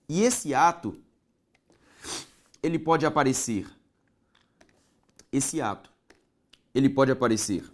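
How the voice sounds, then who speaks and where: Lively man teaching grammar. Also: mid-range voice. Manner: deliberate, stretches key words and checks in with "tudo bem?". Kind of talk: video grammar lesson.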